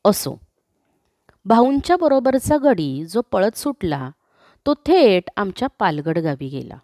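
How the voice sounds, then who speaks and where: A woman narrating a classic story in a slow, expressive reading. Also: mid-range voice, no room sound, clean studio sound.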